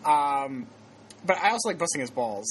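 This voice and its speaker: A man hosting a podcast tells a story in a loose, rambling way, stopping and restarting and laughing as he goes. His voice swings widely in pitch. A steady hiss of noise sits under the recording. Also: moderate pace. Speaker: podcast host. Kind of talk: casual podcast chat.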